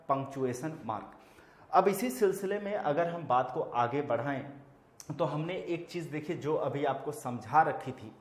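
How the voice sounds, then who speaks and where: Echoey Indian teacher explaining grammar. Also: male voice, on the high side. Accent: Indian English. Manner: addresses students as children, repeats terms for emphasis. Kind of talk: classroom lecture.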